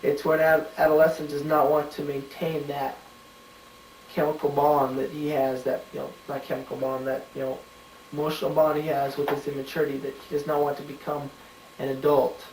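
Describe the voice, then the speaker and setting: A man giving casual spoken answers to study questions, halting and full of "you know" and "um", thinking aloud as he searches a book. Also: a little high, monotone, darkish tone, a little hiss or hum. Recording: roomy home recording from a distant mic.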